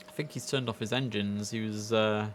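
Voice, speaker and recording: Indoors at his computer, a young adult man gives chatty, excited commentary on a game he's streaming live. His voice is on the low side, steady and moderately paced, with slight hiss or hum in the recording.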